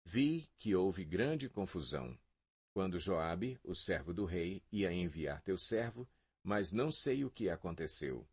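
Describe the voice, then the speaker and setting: A man's voice: sits low, sing-song, unhurried, darkish tone, slightly rough, no room sound, full character voice. A man reading the lines of a young messenger bringing news to a king, in a Bible audio reading. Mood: respectful.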